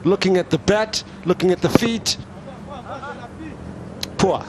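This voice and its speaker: A male cricket commentator with a high-pitched voice calls play live in short, clipped phrases. He takes his time between them. Clear outdoor noise sits behind his voice. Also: slow pace, a crowd in the background.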